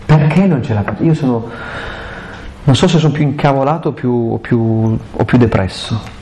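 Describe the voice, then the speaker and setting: A man in the middle of a live catechesis talk, passionate and plainspoken, driving his points home with a string of rhetorical questions. His voice sits at an ordinary middle pitch. It carries around a large, echoey hall with a faint hiss underneath. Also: moderate pace, warm tone. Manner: impassioned, colloquial, full of rhetorical questions. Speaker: catechist giving a Bible talk.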